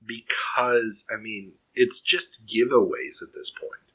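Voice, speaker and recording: A man hosting a podcast, reading news items aloud and then chatting about them in a relaxed way. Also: on the low side, slow, breathy edge, rough recording. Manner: reads headlines, then riffs conversationally. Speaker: podcast host.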